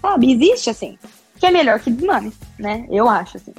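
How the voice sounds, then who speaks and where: A woman, a podcast guest telling her story in an expressive, chatty way with lots of tag questions. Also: a little high, normal speed, slightly rough, faint music behind. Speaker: podcast guest, breastfeeding consultant. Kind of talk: casual interview chat.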